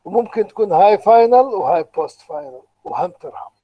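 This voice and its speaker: A man's voice: high voice, animated, fast, lo-fi sound. A male lecturer with an Iraqi Arabic accent, patiently explaining step by step in an online university lecture and asking the class questions. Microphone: computer microphone, online lecture.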